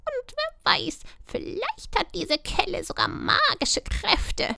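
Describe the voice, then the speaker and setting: A woman voicing a chattering female magpie with a high, squawky, whispery voice in a storybook. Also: big pitch swings, slow pace, vocal fry, bright, forceful tone, no echo, clean studio sound, full character voice. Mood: excited.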